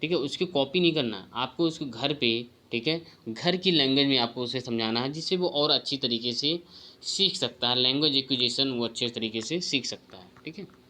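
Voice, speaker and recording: A man teaching an exam-prep lesson in Hindi, reading English questions slowly and asking rhetorical questions. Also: mid-range voice, pushed and bright.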